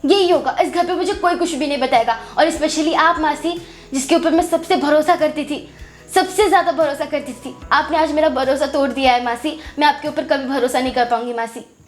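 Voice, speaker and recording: A woman's voice: sits high, moderate pace, faint music behind, close to an everyday voice. A woman voicing a hurt young woman who pleads and accuses her aunt in a doll story. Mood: bitter.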